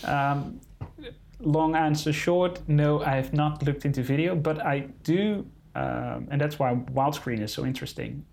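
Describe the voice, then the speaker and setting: A man's voice: a little high, a little slow, gravelly, darkish tone, a little hiss or hum. A man who is not a native English speaker, answering interview questions in careful English and searching for words. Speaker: conservation photographer being interviewed.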